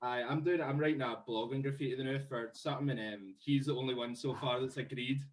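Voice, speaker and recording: Scottish radio host asking loose questions. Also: male voice, medium pitch, steady tone, fast talker, rough recording. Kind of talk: casual interview chat.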